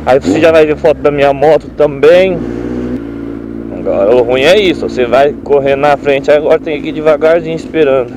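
Guy on a motorcycle cam, hyped and yelling, engine roar and wind all over. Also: fairly high pitch, a little fast. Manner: exuberant, shouting over the engine. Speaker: motovlogger. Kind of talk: excited motorcycle vlog narration. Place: outdoors on a moving motorcycle on highway. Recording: loud wind and engine noise.

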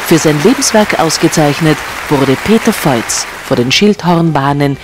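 A man reading a scripted news voice-over in an upbeat, measured tone. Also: on the high side, animated. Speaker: news narrator. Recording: narration over music and crowd chatter. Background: music and crowd noise.

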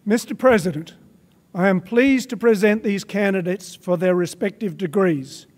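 A man's voice: high voice, normal speed. An older man making formal, stately announcements at a graduation ceremony, reading titles with small stumbles into a podium microphone in a large arena. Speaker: master of ceremonies. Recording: long reverb of a large hall.

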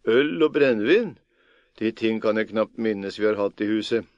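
A blunt, easily fooled farmer, as a male storyteller plays him, gruff and incredulous in manner. The reading is dry and a touch dull in tone, a lo-fi audiobook sound. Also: fairly low pitch, lively intonation, a little mellow, no echo, close to an everyday voice. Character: gruff, gullible male farmer, middle-aged.

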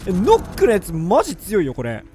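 A man with a hoarse, strained voice talks over a game, excitable and joking at his own expense. His voice sits high and swings up and down a lot. A faint hiss runs underneath. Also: brisk. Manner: excitable, joking, self-mocking. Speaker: gaming video creator. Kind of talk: gameplay commentary.

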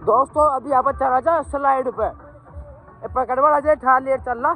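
A young man vlogging in a casual, joking and excited way. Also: very high-pitched, normal speed, noisy background. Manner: excited, joking, laughing often. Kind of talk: casual vlog chat.

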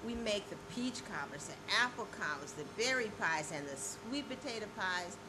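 A woman's voice: mid-range voice, expressive, moderate pace. An older woman who owns a bakery, telling stories in a chatty, rambling way. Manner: chatty storyteller, restarts and fillers. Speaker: bakery owner. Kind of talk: casual interview chat. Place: small indoor bakery office and kitchen. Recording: loud background noise.

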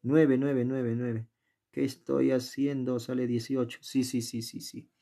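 A man with a medium-pitched, creaky, mellow voice tutors geometry at an unhurried pace and a level tone. He keeps it casual and chatty, asking the viewer questions and talking himself through each step of a worked problem. He's indoors at a desk, filming the worksheet from above.

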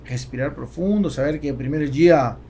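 An Argentine entrepreneur in his forties, a native Spanish speaker with an Argentine accent, answers conversationally but haltingly as a podcast guest. His voice is mellow and a little high, recorded on a boom-arm studio mic in a small foam-lined studio with slight background noise.

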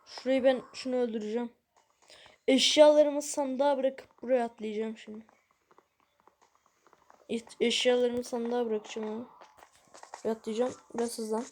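A woman's voice: fairly high pitch, level tone, unhurried, long pauses, warm tone. A woman giving casual let's-play commentary, exasperated and grumbling at the game while talking straight to her viewers. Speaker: gaming video creator.

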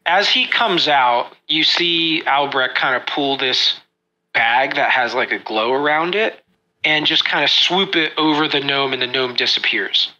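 A man narrating as dungeon master in a tabletop game, in a relaxed storytelling manner. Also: mid-range voice, a little slow, highs cut off.

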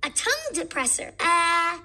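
Cartoon tiger cub: small boy, very high-pitched, lively swoops, cheerful and childlike. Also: a little slow, heavily acted. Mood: curious, instructive. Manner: simple, enthusiastic, childlike delivery. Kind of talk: children's cartoon app narration.

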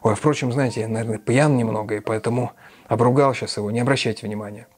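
A man voicing a drunk, excitable young male friend who blusters loudly. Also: medium pitch, fast, breathy edge, close to an everyday voice. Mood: urgent. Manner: loud, blustering.

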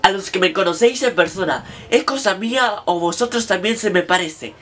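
A man voicing an excitable young Spanish man who exclaims in disbelief, with a put-on Spain Spanish accent. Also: high-pitched, a little fast. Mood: amazed. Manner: exclaiming, incredulous.

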